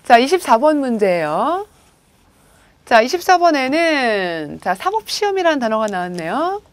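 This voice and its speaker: A woman's voice: high-pitched, big pitch swings, normal speed, no echo. A woman teaching a recorded video lecture on vocabulary, guiding students with frequent prompts and rhetorical questions. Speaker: Japanese language teacher.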